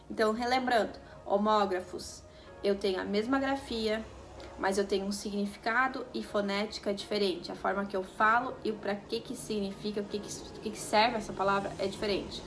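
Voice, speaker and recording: A woman's voice: mid-range voice, a bit bright. Woman, teacher, step-by-step explanations, music playing underneath. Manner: explains step by step with rhetorical checks. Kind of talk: video lesson.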